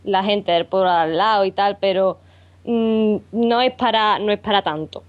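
A woman's voice: medium pitch, unhurried, lo-fi sound. A woman from Écija, guest on a podcast, speaking casually and hesitantly. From Écija, Andalusia. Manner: hesitant, thinking aloud.

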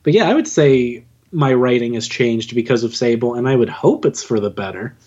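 This twentysomething man, an audio drama writer and narrator, talks casually as a podcast guest, keeping things modest and informal. He sounds expressive at a normal speed, with a medium-pitched, darkish voice. The recording has its highs cut off.

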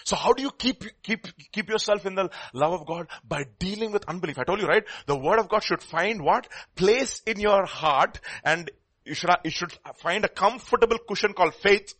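A man's voice: sits high, brisk, fairly bright tone, husky. A man with a South Indian Telugu accent preaching a sermon in a teacherly way, repeating key words for emphasis and putting questions to his listeners.

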